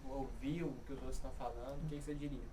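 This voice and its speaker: A man's voice: mid-range voice, steady tone, racing, far from the mic, background noise. A man hosting a livestream, chatting casually and reading out viewer comments. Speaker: livestream host.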